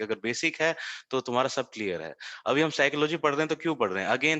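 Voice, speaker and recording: Bright-voiced teacher explaining. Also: male voice, medium pitch. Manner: explains step by step, with many "uh" and "right?". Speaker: psychology statistics teacher. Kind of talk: online lecture, mixing Hindi and English.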